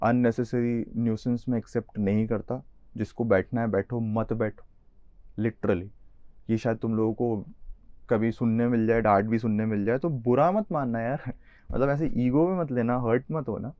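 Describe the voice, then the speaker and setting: A man's voice: mid-range voice, steady tone, normal speed, dark tone, dry recording. A young man with an Indian accent, teaching a live online lecture in a chatty way, talking straight to his students. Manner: chatty, addresses students directly, mixes English terms. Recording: slightly dull, lo-fi.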